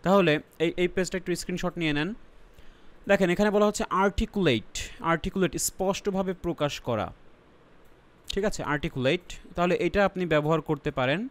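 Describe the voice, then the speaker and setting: At normal speed and with a high-pitched voice, a man with a Bangladeshi accent teaches IELTS exam prep online. He breaks explanations into steps, sprinkles English terms throughout, and regularly asks whether students are following along.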